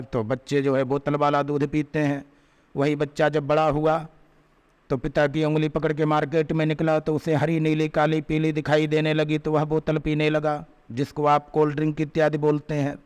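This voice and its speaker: A man giving a devotional sermon, telling a story and slowing down to recite verses, with emphatic rising peaks. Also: on the high side, darkish tone, clear, resonant tone. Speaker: spiritual preacher. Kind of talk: Hindi devotional discourse with storytelling.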